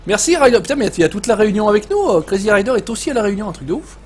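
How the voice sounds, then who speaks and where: A man's voice: high voice, sing-song, rapid-fire, a little mellow, a little hiss or hum. A man with a Savoyard French accent hosting a casual live gaming stream, swearing often, joking and reading chat messages aloud.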